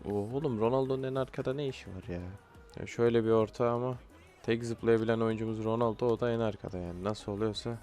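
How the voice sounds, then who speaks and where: A man's voice: mid-range voice, steady tone, fast talker, a little mellow, soft background music. Young man venting over a football game. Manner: frustrated outbursts, swearing at players. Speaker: gaming YouTuber. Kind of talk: live gameplay commentary.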